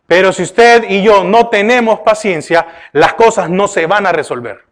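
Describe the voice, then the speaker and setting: A male pastor delivering a sermon, questioning his listeners often and turning from emphatic bursts to hushed remarks. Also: sits high, normal speed. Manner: preaching with repeated rhetorical questions to the congregation; often addresses listeners with "oiga" and "¿verdad?".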